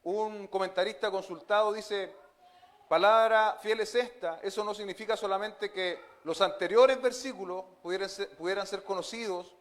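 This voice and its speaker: A man's voice: sits high, fairly even intonation, moderate pace, hardly any pauses. A male pastor delivering an expository sermon, earnest, with frequent fillers and amens.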